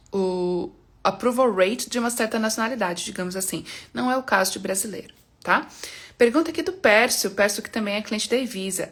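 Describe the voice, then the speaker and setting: A woman working as an immigration consultant, answering viewers' questions on a live stream in a calm, explanatory way, often ending phrases with checking tags. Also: mid-range voice. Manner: explanatory, reassuring, frequent "né?" and "tá?" tags.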